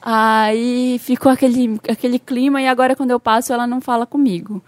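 A woman's voice: fairly high pitch, fairly even intonation, fairly quick, dry recording. A Brazilian woman co-hosting a podcast, telling candid stories and laughing often in casual chat. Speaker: podcast co-host.

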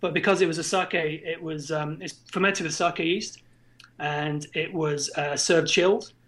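A man's voice: on the high side, steady tone, a little slow, fairly bright tone. A man chatting casually as a podcast guest, in a droll, understated way. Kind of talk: casual chat.

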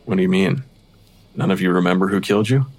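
An actor playing an exasperated pathologist who talks to ghosts, with a dry manner. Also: male voice, low-pitched, quick pace, a little mellow, close to an everyday voice. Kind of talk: audio drama acting.

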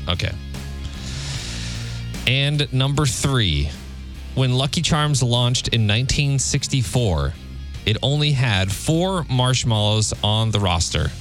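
A man speaks as a casual radio co-host and quiz host. His pitch is mid-range but moves around a lot, giving him an animated, chatty delivery. Faint music plays behind him. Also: slow, long pauses. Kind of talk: casual quiz hosting and banter.

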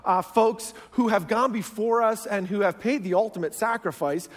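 The voice is a man's, high-pitched and at a moderate pace, with a Canadian accent. He's a guest pastor giving a self-deprecating, joking sermon, recorded with long reverb in a large church sanctuary.

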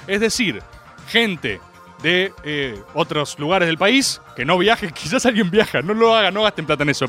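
Brief: Rioplatense male radio host, high and lively pitch, comic monologue with big swings. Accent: Rioplatense Spanish. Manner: theatrical, swings between loud outbursts and mock-grave asides. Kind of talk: comedic radio monologue, streamed live. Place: radio studio.

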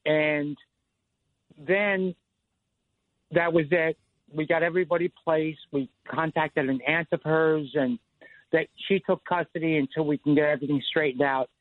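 Calling into a radio show over a tinny, dry phone line, a man in his fifties tells a long personal story packed with "you know" and "like." His voice runs on the high side, steady and unhurried, with no room sound.

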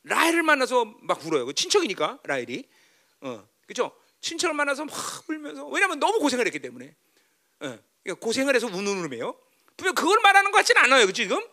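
A pastor preaching a sermon, swinging from quiet, chatty asides to loud, tearful preaching, and often asking his listeners whether they agree. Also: very high voice, huge pitch swings, quick pace. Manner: keeps asking the listeners "right?". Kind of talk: sermon with banter to the congregation.

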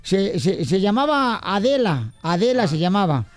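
A man hosts a morning radio comedy show. His voice is pitched high, and he jokes in rowdy, quick banter with his co-hosts. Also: big pitch swings, dry recording.

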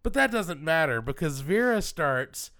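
A man co-hosts a casual podcast, recapping a film with wry, deadpan humor. His voice is clear and smooth, recorded close with a dry, dead sound and no room echo. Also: a little high, unhurried. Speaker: podcast co-host.

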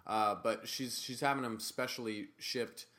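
A man at a middle pitch co-hosts a podcast in relaxed banter. He slips playful, deadpan tall tales into the chat and keeps the tone loose. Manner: playful, joking, quick deadpan asides. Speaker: podcast co-host. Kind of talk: casual chat.

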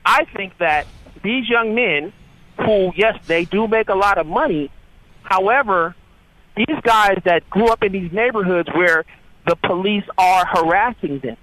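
An American man in his fifties calling a radio show, arguing casually in a halting way and repeating his words. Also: high voice, fairly bright tone, no room sound, rough recording. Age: 50s. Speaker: radio phone-in caller. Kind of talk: casual argumentative call-in talk. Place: phone call to a radio show.

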